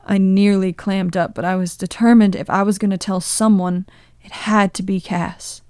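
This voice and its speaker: A woman voicing a young man in his twenties, sheepishly and tenderly recounting a memory in halting confessional storytelling. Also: mid-range voice, fairly even intonation, darkish tone, clear, resonant tone, dry recording, studio quality, lightly acted. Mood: wistful.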